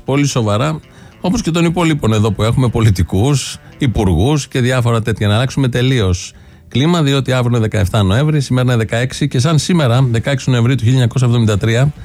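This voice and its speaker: A male radio host recounting a historical event in a measured, solemn narration. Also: mid-range voice, darkish tone.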